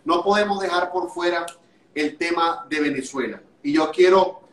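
A man hosting an interview, asking questions haltingly and searching for his words. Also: a little high, fairly bright tone. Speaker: podcast host. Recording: echoey, distant from mic.

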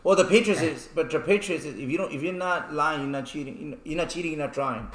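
A man's voice: a little high, quick pace, slight background noise. Male podcast guest, brash and profane, echoey room. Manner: brash, cursing, joking. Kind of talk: casual chat.

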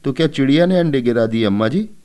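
A man voicing a tearful, pleading little girl with a shrill, whiny voice in a storybook reading. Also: animated, fast, dark tone, clear, resonant tone, close to an everyday voice. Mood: tattling.

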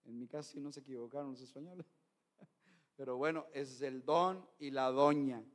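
A man's voice: medium pitch, moderate pace. A middle-aged man, preaching a Sunday sermon as pastor, emphatic and often calling out to his brothers in the congregation.

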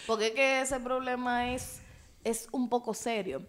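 A woman telling family anecdotes in a casual chat, animated. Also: on the high side, measured pace, crowd noise.

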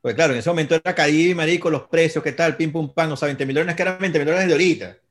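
Slangy Venezuelan man telling stories. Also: on the high side. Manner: rapid, slangy, profanity-laced. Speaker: concert promoter. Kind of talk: casual storytelling.

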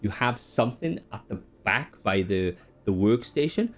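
A man narrating as game master, describing scenes with many pauses and fillers. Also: mid-range voice, lively intonation, soft background music.

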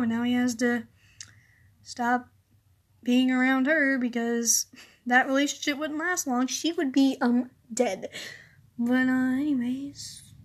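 A teenage girl hosting her own casual podcast, rambling in a sarcastic, exasperated way. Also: a little high. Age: teens. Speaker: podcast host. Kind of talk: casual solo podcast rant.

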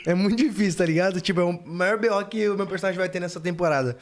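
High voiced guy, podcast guest, fast excited storytelling. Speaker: actor guest. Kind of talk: casual chat.

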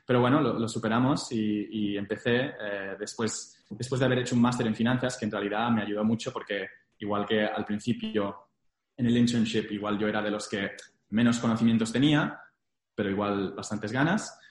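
Echoey, low-voiced young man speaking Spanglish. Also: fairly quick. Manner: Spanglish, mixing English business terms into Spanish. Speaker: interview guest, former investment banking analyst. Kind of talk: casual interview, telling career experience. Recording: echoey room.

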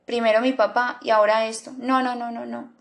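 A woman's voice: fairly high pitch, level tone, a little fast, creaky. A woman reader voicing a lamenting older mother.

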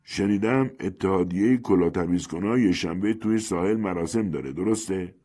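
A gruff policeman with a hoarse, husky voice, brusque and low, as a man reads him in a story. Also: dark tone. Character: gruff policeman on his beat.

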